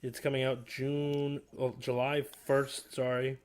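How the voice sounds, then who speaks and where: A man's voice: mid-range voice, little pitch movement, slow, clean tone. A man hosting a casual games showcase commentary, ranting with plenty of swearing and exasperation. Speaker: host.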